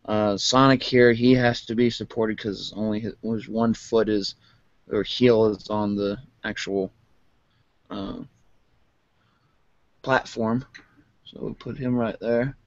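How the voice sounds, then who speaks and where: Monotone man rambling through an unboxing. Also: on the low side, slow pace, long pauses, dry recording, dull audio. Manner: rambling, many fillers, calls own voice monotone. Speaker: vlogger. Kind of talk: casual unboxing chat.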